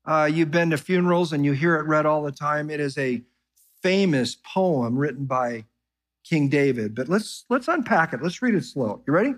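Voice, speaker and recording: A man preaching a sermon, who keeps asking his listeners questions and reads scripture slowly and softly. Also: fairly high pitch. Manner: animated preaching, asks the congregation questions. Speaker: pastor.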